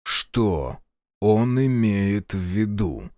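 A man playing a stern male prince and archmage in an audiobook, speaking slowly and coldly with authority. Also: on the low side, expressive, a little mellow, dry recording, clean studio sound, voice pushed down. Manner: slow, cold, commanding.

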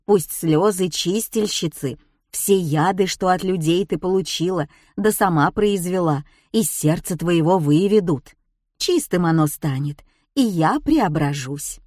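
A gentle old crone of fate speaks in a creaky, muffled, low voice, as a woman narrator puts her on. She drags her words slowly and soothingly. The storybook reading is dry and close. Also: expressive, no echo. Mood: tender. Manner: slow, soothing, drawn-out.

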